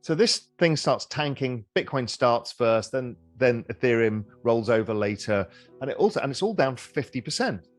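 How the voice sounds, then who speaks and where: A middle-aged man answering as an interview guest in a relaxed conversational way, with frequent repeats and restarts. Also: mid-range voice, normal speed, faint music behind.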